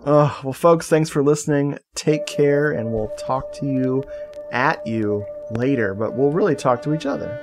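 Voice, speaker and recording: A man's voice: mid-range voice, unhurried, music in the background. A man co-hosting a podcast, chatting casually in a loose, joking way and swearing freely. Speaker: podcast co-host. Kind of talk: casual chat.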